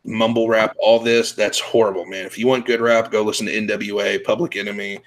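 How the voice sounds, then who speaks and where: A man's voice: fairly low pitch, flat delivery, brisk, poor audio. A young man hosting a show, chatting casually with blunt, profane, laughing talk. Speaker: podcast host. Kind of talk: casual chat.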